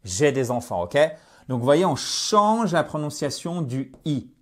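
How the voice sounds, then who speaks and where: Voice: mid-range voice, sing-song, measured pace, a bit bright. An English teacher giving a beginner grammar lesson, repeating example words and stressing pronunciation, checking in with viewers with a frequent "ok?". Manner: addresses viewers directly with frequent "ok?".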